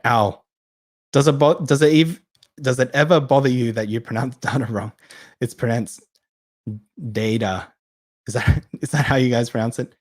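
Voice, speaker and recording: Chatty low-voiced man answering questions. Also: darkish tone, dry recording. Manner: chatty, reads out viewer questions, many ums and restarts. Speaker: host of a live Q&A session. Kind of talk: casual live-stream Q&A.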